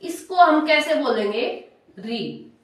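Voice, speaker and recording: Female Hindi teacher, high voice, questions the class then answers herself; far from the mic in an echoey room. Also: lively intonation. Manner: drawn-out syllables, repeats points. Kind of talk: classroom grammar lesson.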